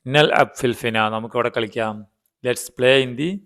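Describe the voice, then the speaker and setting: This is a male teacher taking his class through a story one line at a time. He speaks slowly and deliberately, his voice smooth and clear, and he keeps repeating words and throwing quick questions back at his students. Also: mid-range voice, fairly even intonation, a bit bright. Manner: reads a phrase, then explains it, repeating words and asking the class simple questions. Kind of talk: online language lesson, explaining a text line by line.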